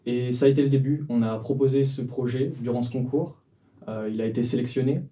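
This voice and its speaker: A startup cofounder in his twenties from the Vendée, France, tells his company's story in a casual interview, full of fillers and restarts. His medium-pitched, mellow voice holds a steady tone at a fairly quick pace, recorded from a distance.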